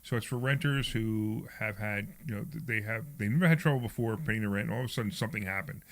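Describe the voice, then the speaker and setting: A man hosting a radio talk show. He chats in a loose, animated way and often restarts his sentences. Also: fairly low pitch, quick pace. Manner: animated and conversational, with frequent restarts. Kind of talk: casual radio chat.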